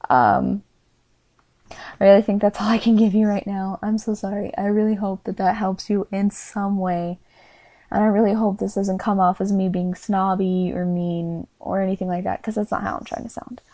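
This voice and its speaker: Quiet, apologetic woman with a mellow voice. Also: mid-range voice, steady tone, normal speed, no echo. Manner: hesitant and apologetic, many fillers; speaking quietly. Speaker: character reviewer. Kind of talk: casual spoken review.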